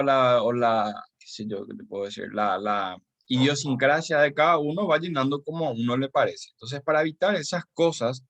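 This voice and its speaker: This is a man, teaching a live class over a video call. He talks in a mid-pitched voice with a loose, chatty flow full of fillers and tag questions. The sound is dry and close, with no room around it. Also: fairly bright tone, dry recording. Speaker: Excel course instructor.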